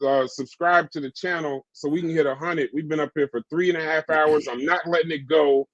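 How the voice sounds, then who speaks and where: A man's voice: fairly high pitch, fairly even intonation, fairly quick, no room sound. Casual man, slightly dull lo-fi audio. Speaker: stream co-host. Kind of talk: casual chat.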